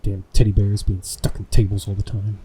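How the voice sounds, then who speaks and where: A man's voice: lowish voice, monotone, fairly quick, warm tone, slightly rough. A man hosting a let's play, giving laid-back, joking commentary while playing a game. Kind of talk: casual gameplay commentary.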